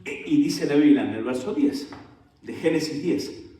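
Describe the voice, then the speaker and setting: Animated preaching man in an echoey hall. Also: on the high side, moderate pace. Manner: animated preaching with questions to the congregation. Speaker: pastor. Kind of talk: sermon. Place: church sanctuary. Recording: echoey church hall, mic at a distance.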